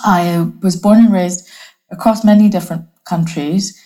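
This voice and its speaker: Low-voiced, mellow woman guest. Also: fairly even intonation, normal speed. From Bangladesh. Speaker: guest, advertising strategist. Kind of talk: conversational interview. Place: home office.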